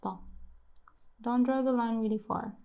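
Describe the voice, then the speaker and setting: Woman tutor, casual lesson, drawls slowly, repeats each sound, thinks aloud. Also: fairly high pitch, fairly even intonation, clear, resonant tone, lo-fi sound. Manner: slow, repeats sounds many times, muses aloud. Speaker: language teacher.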